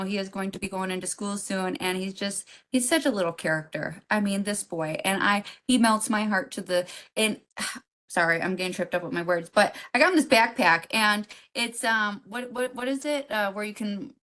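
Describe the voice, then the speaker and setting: A woman's voice: medium pitch, moderate pace, a bit bright. A middle-aged woman hosting a podcast, telling a personal story in a rambling, heartfelt way with many fillers and restarts. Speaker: podcast co-host.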